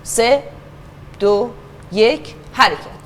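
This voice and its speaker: A woman's voice: fairly high pitch, a little hiss or hum. Patient woman coaching young actors. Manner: patient, encouraging, calls the class to order. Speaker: children's acting teacher. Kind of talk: classroom instruction and coaching. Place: acting class with children.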